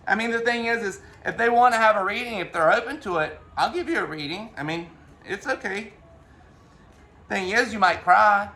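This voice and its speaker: Brief: man, spiritual reader, high and bright voice, casual and rambling, restarts a lot, swears now and then. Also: normal speed.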